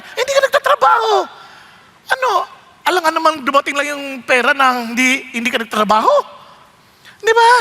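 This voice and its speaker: This is a Filipino-accented male pastor with a very high, bright and forceful voice. He preaches in a lively, storytelling way and acts out characters. His voice carries a long hall reverb. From Philippines. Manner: animated, acts out quoted people with shouts and laughs. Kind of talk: sermon with storytelling.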